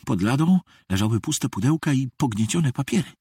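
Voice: breathy edge, no room sound, studio quality. A reader narrating a storybook in the first person as a teddy bear. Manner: slow, very lively pitch.

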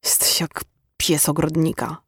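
Man raising his voice for a bitter young woman, higher-pitched, intense, dry close recording, audiobook character. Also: completely flat delivery, a little slow, fairly bright tone, slightly rough, dry recording, full character voice. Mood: scornful. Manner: intense, emotionally charged delivery. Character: weary, bitter young woman, wounded and defiant.

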